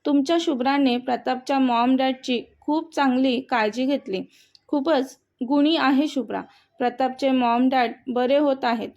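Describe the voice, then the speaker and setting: A woman's voice: high voice, fairly even intonation, moderate pace, a little mellow. Woman reading as a stern old grandfather. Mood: measured. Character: stern elderly grandfather, head of household. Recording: dull, muffled audio.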